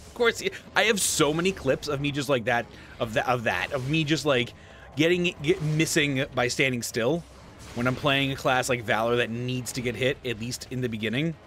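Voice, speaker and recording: While playing a video game at home, seated at his desk, a streamer in his thirties offers relaxed, rambling commentary with a slightly blocked nose. He talks at a moderate pace in a mid-range, a bit bright voice, over a little hiss or hum.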